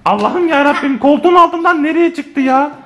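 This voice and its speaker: A man's voice: very high-pitched, moderate pace, a little hiss or hum. A man filming a family vlog at home, exclaiming and calling out to his viewers as he plays. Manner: exclaiming, lively, addressing viewers. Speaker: family vlogger. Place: home living room.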